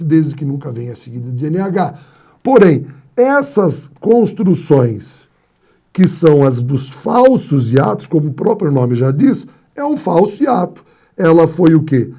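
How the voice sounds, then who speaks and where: A man's voice: a little high, very animated, measured pace, creaky, dark tone, slightly rough. A man teaching a grammar lesson, asking and answering his own questions and telling playful anecdotes. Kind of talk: classroom lecture on spelling rules.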